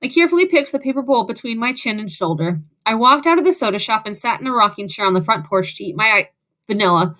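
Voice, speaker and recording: A woman's voice: fairly high pitch, lively intonation, fast talker, sharp tone. A woman reading a first-person audiobook in a wry, sarcastic way. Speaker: audiobook narrator.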